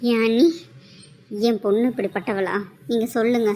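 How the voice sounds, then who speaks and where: A woman's voice: fairly high pitch, fairly even intonation, normal speed, warm tone, slight background noise, lightly acted. A woman voicing a fierce middle-aged mother in a cartoon drama, who defends her daughter with accusations. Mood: accusing. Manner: confrontational, accusing.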